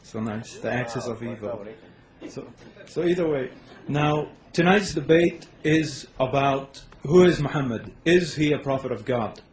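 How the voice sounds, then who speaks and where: A man from Los Angeles giving his first public debate presentation, a little nervous and hesitant, rushing ahead in bursts. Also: mid-range voice, crowd noise. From Los Angeles, United States. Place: debate hall. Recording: echoey hall, faint background noise.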